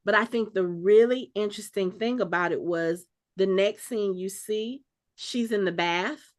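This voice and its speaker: A woman co-hosting a casual podcast, talking over scenes in an animated way and acting out the exchanges as she recaps them. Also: medium pitch, a little slow. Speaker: podcast co-host. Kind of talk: casual chat.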